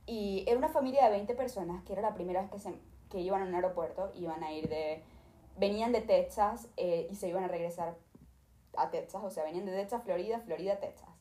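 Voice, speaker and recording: Young Venezuelan woman, YouTuber telling a storytime vlog, dramatic and animated, recorded on a desk mic in an echoey room. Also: medium pitch, fast talker. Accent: Venezuelan Spanish. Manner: animated, dramatic retelling, acting out the people in her story. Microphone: desk microphone.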